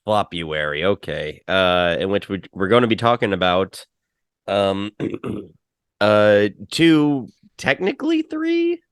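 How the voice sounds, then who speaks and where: A man hosting a movie podcast in casual chat, pausing often with fillers and restarts. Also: sits low, smooth, no echo, studio quality. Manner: hesitant, full of fillers and restarts. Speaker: podcast host.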